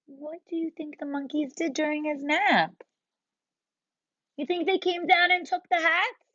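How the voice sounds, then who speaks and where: A preschool teacher reads a picture book aloud to young children in an expressive, drawn-out way, asking them questions as she goes. Her voice sits high, and the lo-fi recording sounds dull, with no room sound.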